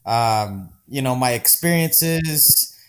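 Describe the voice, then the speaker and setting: A man's voice: mid-range voice, lively intonation, takes it slowly. A man from Denver, a podcast guest, talking casually and enthusiastically with many restarts. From Denver, Colorado. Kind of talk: casual conversation.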